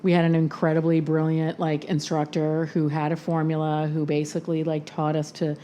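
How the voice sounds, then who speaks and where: Chatty woman with a lowish voice. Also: completely flat delivery, brisk, dark tone, a little hiss or hum. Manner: chatty, laughing, heavy on fillers. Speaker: podcast host. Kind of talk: casual podcast chat.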